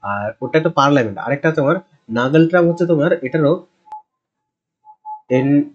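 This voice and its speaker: A man's voice: a little high, moderate pace, highs cut off. A man teaching a casual exam-prep quiz lesson, talking conversationally and repeating answers with frequent check-ins. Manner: conversational, repeats answers, tags "ঠিক আছে?" often.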